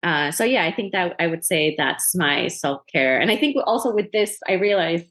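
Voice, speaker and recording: Soft-pitched thoughtful young woman guest. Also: animated, normal speed. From Ethiopia. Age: young adult. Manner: thoughtful, hesitant, many restarts and fillers. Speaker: psychotherapist guest. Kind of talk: casual video interview.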